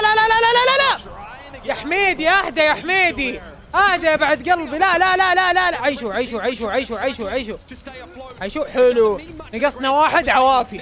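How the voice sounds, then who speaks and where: Brief: male streamer, fast-talking, excitable and chant-heavy. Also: extremely high pitch. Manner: excitable, cheers and chants repeatedly, urges the team on. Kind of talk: excited live watch-along commentary.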